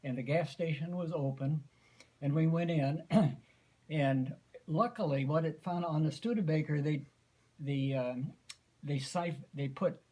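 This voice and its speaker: An American man in his eighties telling a folksy, unhurried story informally to family, often clearing his throat. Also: on the high side, a little mellow. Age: 80s. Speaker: grandfather giving an anniversary speech.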